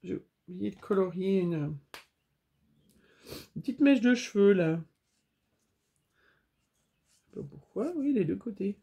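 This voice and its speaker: A woman's voice: mid-range voice, animated, a little slow, vocal fry, pauses often, mellow, a little hiss or hum. A woman chatting casually to viewers while making a scrapbooking craft, with frequent fillers.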